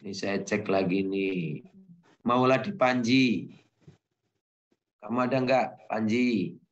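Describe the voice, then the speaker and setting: A middle-aged male university lecturer giving a relaxed online lecture, telling anecdotes and acting out conversations. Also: on the low side, slow pace, muffled recording. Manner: relaxed, tells anecdotes, acts out dialogue.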